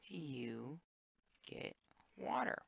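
Gravelly, slow-talking woman streamer. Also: very animated, no room sound. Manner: thinking aloud, low-key and wry, trailing filler words. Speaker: streamer playing a sandbox game. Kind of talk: casual gameplay commentary. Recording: dull lo-fi dry mic.

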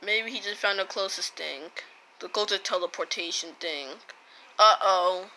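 A woman's voice: medium pitch, moderate pace, sharp tone, a little hiss or hum. A woman playing out a plush toy story, chatty and bouncy as she voices many toys. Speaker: plush toy video creator. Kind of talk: playful plush toy role-play.

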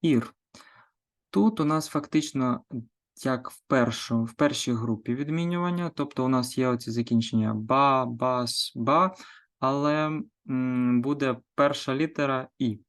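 A man teaching a grammar lesson, reading example sentences and verb forms in one language and translating each into another, in a steady, methodical way. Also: medium pitch, unhurried. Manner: reads Spanish examples then translates them, steady and methodical. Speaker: Spanish teacher.

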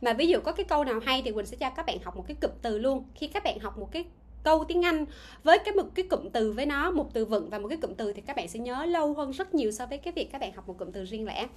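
A woman English teacher giving a livestream grammar lesson, reading out viewers' answers, asking them questions and repeating words slowly. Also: high voice, expressive.

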